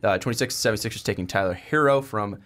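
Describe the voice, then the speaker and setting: A man's voice: fairly low pitch, fairly bright tone. Young man, podcast host, casual sports chat, blunt, filler-heavy. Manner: blunt, quick to laugh, fillers like uh.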